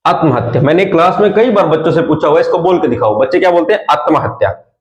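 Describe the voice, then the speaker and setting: A young man teaching an exam coaching class, speaking in a slightly high voice. He keeps drilling terms for his students to learn. His voice echoes around the room. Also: fast talker, muffled recording. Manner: lively, repeats terms for students to memorize, often says "theek hai".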